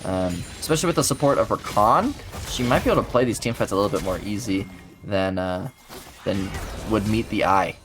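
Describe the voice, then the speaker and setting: A man's voice: fairly low pitch, brisk, over music. A man giving casual esports color commentary, chatty and loose, full of fillers and gamer slang.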